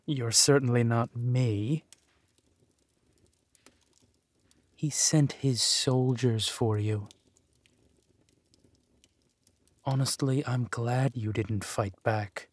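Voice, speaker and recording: In this roleplay audio drama, a man's steady, mid-range voice brings to life a menacing, possessive villain husband who treats his spouse tenderly. The performance is slow, soothing and theatrical, recorded with no room sound.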